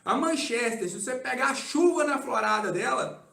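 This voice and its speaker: Speaking at a normal pace with a creaky, very high voice, a Brazilian Portuguese–accented man takes viewer questions in a live stream. He is an agronomy consultant, casual and easygoing, who often ends sentences with "tá?" to check in. The recording is roomy with echo.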